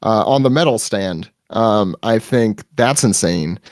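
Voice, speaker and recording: A man talking as a guest on a casual podcast, eager and quick to restart his sentences as his voice climbs when he gets excited. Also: on the low side, no room sound, clean studio sound.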